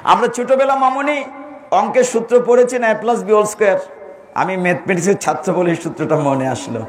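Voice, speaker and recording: A man's voice: sits high, fairly quick. A man giving a devotional sermon, telling stories, asking his listeners questions and acting out quoted lines. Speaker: preacher.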